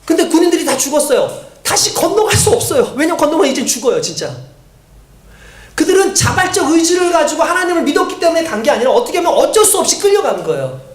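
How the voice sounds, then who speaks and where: Brief: male pastor, lively sermon delivery, echoey church hall. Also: extremely high pitch, fast. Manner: animated, storytelling, asks the congregation.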